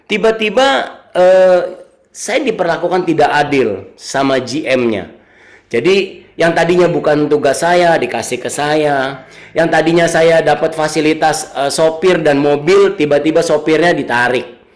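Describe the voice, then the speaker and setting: A man in his thirties giving a casual sermon with a personal story, chatty, repeating his phrases and teasing his young listeners. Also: fairly high pitch. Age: 30s. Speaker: youth service speaker.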